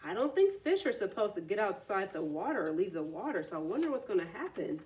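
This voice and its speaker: A fast-talking woman with a mid-range voice reads a children's story, her intonation very lively and swinging. Between bits of narration she adds simple explanations. She sounds a touch removed from the microphone.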